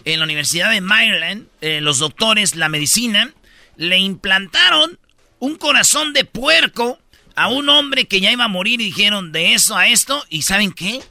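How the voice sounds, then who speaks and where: A man's voice: high voice, expressive, normal speed, pushed and bright, no echo. A man with a Mexican accent hosts a radio comedy show, delivering a boisterous, slangy run of jokey news. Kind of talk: comic news rundown.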